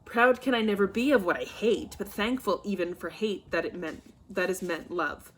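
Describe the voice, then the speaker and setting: A woman reading a pleading teenage daughter in a soft voice. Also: medium pitch, normal speed, breathy edge.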